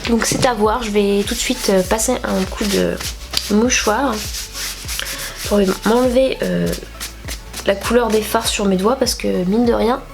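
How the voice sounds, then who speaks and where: Over music, a young French beauty vlogger speaks in a creaky mid-range voice, a little slowly. She has a cold that stuffs up her nose and makes her sound nasal. Her makeup tutorial is chatty and rambling, thick with fillers.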